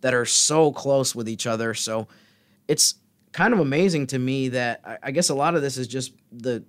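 A man co-hosting a casual sports podcast, talking in a thoughtful, measured way. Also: mid-range voice, a bit bright. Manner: thoughtful, measured, fills pauses with "I mean" and "so". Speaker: podcast co-host.

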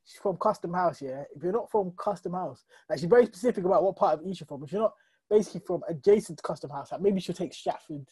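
A man's voice: high voice, fast, darkish tone, breathy edge. A man, a podcast guest chatting casually in slang and repeating phrases for emphasis. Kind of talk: casual chat.

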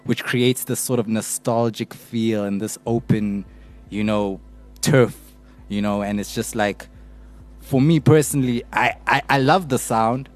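A man's voice: mid-range voice, unhurried, soft background music. A man with a South African accent discussing casually as a podcast panelist, often checking in with small tag phrases. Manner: often tags phrases with "you know".

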